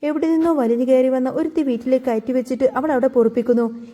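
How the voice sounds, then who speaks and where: A woman narrator voicing a scornful, scheming middle-aged woman who mocks and shouts taunts in a storybook retelling. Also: high-pitched, steady tone, fast.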